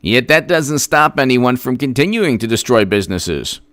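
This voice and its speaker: On his political commentary livestream, the host reels off statistics with sarcasm and emphasis and thanks viewers for their messages. He has an expressive, somewhat bright mid-range voice at normal speed, with no room sound.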